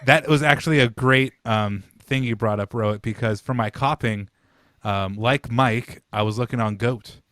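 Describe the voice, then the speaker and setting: A man's voice: mid-range voice, normal speed, a bit bright, no room sound, clean studio sound. A man co-hosting a podcast, chatting casually and telling stories with some swearing. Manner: laid-back, chatty storytelling with swearing. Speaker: podcast co-host. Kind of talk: casual chat.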